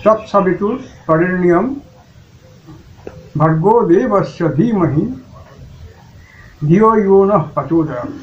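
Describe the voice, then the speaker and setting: A man with a Bengali accent teaching Sanskrit pronunciation, chanting mantras slowly and then explaining them plainly. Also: high voice. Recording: muffled, lo-fi recording with faint noise.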